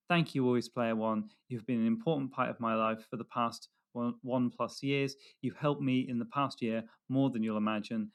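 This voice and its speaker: Enthusiastic podcast co-host man. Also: mid-range voice. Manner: enthusiastic, halting when moved. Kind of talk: casual chat, reading listener messages.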